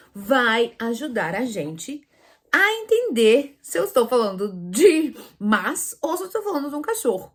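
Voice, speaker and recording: Lively woman teaching, full of questions. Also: fairly high pitch, slightly rough. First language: Portuguese. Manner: lively, asks the viewer questions, demonstrates sounds. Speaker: Spanish teacher. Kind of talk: online language lesson.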